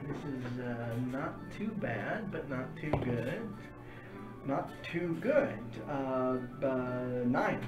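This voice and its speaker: A man's voice: medium pitch, animated, slow. A man chatting casually as a player in a tabletop role-playing game, describing what his character does. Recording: roomy, distant mic with music behind.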